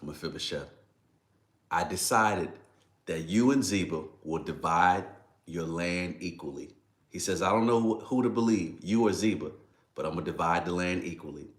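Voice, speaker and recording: A man preaching a devotional sermon, acting out scripture dialogue and breaking into emotional exclamations. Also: sits low. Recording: roomy echo.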